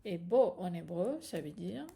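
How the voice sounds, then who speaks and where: Slow, gravelly-voiced woman teaching. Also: on the low side, animated, mellow. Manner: patient, checks in with "d'accord?" and "ok?". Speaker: Hebrew teacher. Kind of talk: step-by-step reading lesson.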